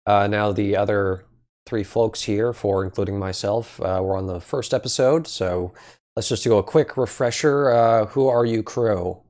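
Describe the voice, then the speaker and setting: A man hosts a relaxed podcast chat in a slightly low voice. He keeps things loose and joking, dropping in plenty of filler words as he introduces each guest. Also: measured pace. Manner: easygoing, joking, lots of filler ums. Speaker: podcast host. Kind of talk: casual chat.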